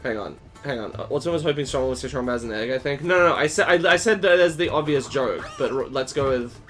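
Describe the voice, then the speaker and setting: A man's voice: medium pitch, fast talker, faint music behind. A young man chatting casually on a game stream, swearing offhandedly and laughing often. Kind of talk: casual gaming stream chat.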